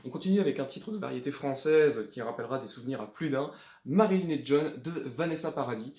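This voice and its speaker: A man's voice: medium pitch, lively intonation, quick pace, darkish tone. A man casually showing off his flea-market record finds, rambling with many hesitations and plain enthusiasm. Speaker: record collector vlogger. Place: indoors at home. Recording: echoey room.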